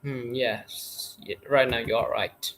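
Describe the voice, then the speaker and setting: A man's voice: medium pitch, fairly even intonation, slow pace, a bit bright. Guy giving short unsure answers, mid voice, bit of noise behind. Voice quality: brief, hesitant replies. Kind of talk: casual chat.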